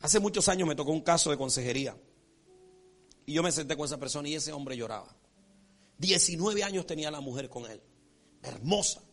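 A man preaching a sermon as pastor, folksy and animated, acting out characters and checking in with his congregation. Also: a little high, brisk, long pauses. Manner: repeats rhetorical check-ins with the congregation.

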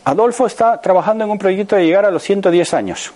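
Speaking fast in a high, expressive, somewhat mellow voice, a sixty-something man with a Spain Spanish accent gives a motivational talk. He fills it with rhetorical questions and repeatedly checks in with the crowd.

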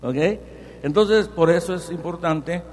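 Man, rabbi preaching, upbeat teaching manner, call-and-response, somewhat high voice. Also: a little slow, in a large hall. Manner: constantly checks in with the audience with "right?"; lively, playful teaching with repetition drills. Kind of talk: sermon mixed with a Hebrew lesson.

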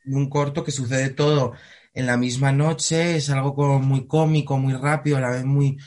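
A man's voice: medium pitch, moderate pace. A young man from Spain, an actor, chatting animatedly. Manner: animated, laughing, theatrical outbursts. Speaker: actor, interview guest. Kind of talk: casual interview chat.

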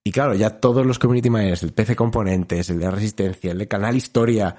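A man with a Spain Spanish accent and a lowish, warm voice co-hosts a casual podcast, talking fast. He tells a rambling, jokey story and laughs a lot.

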